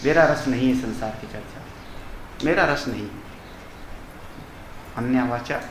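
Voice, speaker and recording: Older swami, echoey discourse hall. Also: male voice, medium pitch, unhurried, slight background noise. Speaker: swami teaching scripture. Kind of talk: Hindi discourse on Vedanta.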